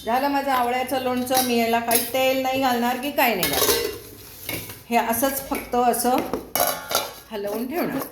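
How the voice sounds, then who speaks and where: A woman's voice: a little high, normal speed, long pauses, very noisy. A middle-aged woman chatting casually with her viewers while she cooks at home, teasing them as she goes. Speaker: cooking vlogger. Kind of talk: casual chat while cooking. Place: home kitchen. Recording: echoey kitchen with dish clatter.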